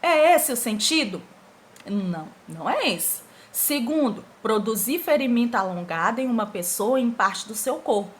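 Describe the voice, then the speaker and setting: A woman's voice: a little high, normal speed, a little hiss or hum. A woman teacher giving an online lesson to schoolchildren, asking the pupils rhetorical questions as she explains. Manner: animated, talks directly to pupils with rhetorical questions.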